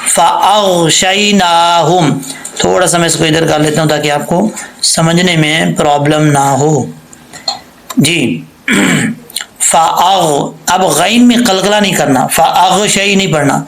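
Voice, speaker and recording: A man teaching Quran recitation rules, spelling out letters and vowel marks and then reciting words slowly and drawn out, sometimes asking and answering his own questions. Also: on the high side, gravelly, fairly bright tone, roomy sound, slight background noise, poor audio. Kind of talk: tajweed lesson with slow demonstrations.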